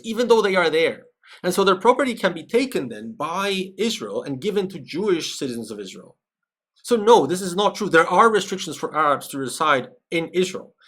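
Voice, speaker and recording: A man's voice: on the high side, a bit bright, slightly rough. A man from Peru giving conversational, analytical commentary on a live stream, often checking in with "right?". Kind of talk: live-stream commentary reacting to a video with chat.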